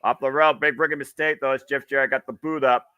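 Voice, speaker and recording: A man doing wrestling play-by-play commentary, with halting, wordy analysis between calls of the moves. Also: medium pitch, fairly even intonation, sharp tone, clean tone, no echo.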